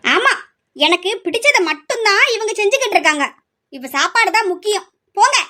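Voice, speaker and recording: A woman's voice: very high voice, expressive, fairly quick, pushed and bright, full character voice. A woman voicing a furious young woman who refuses an arranged marriage, snapping and threatening. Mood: angry. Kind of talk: amateur family drama.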